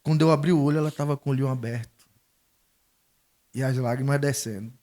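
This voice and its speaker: Middle-aged man, guest on a faith chat, mid-pitched voice, tells his testimony and acts out the voices in it. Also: quick pace, dark tone. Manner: storytelling, acting out quoted dialogue.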